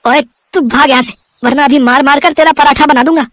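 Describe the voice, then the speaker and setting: A woman voicing a hot-tempered male helper at a sweet stall in a cartoon, loud and snappish. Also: medium pitch, animated, measured pace, no room sound. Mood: alarmed, angry.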